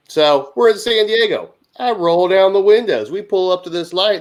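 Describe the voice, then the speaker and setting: A man telling a long, funny work anecdote on a talk show, animated and laughing as he goes. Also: medium pitch. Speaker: HVAC technician guest. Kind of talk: casual storytelling on a talk show.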